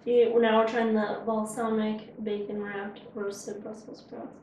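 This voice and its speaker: A woman's voice: medium pitch, little pitch movement, measured pace, a little mellow, a little hiss or hum. A woman hosting a casual home cooking show, chatting and joking while she tastes her food in her kitchen. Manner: chatty, joking, talks with her mouth full. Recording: echoey kitchen, mic far off.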